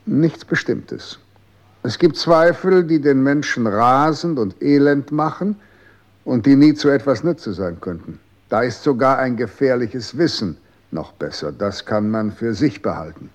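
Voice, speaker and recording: A cool superior official, condescending, dull old radio sound. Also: male voice, mid-range voice, lively intonation, unhurried. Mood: cold. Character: cold, condescending official, the Kapselan. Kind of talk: 1960s radio drama.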